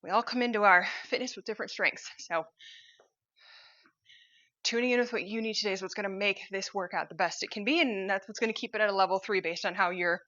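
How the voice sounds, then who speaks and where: A woman's voice: medium pitch, quick pace, sharp tone, muffled recording. A woman fitness instructor cueing a cardio workout while she exercises, upbeat and encouraging.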